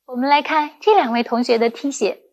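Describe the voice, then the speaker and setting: A woman's voice: high-pitched, brisk, darkish tone. A woman primary school teacher giving a recorded lesson to young children, speaking in a patient, encouraging way.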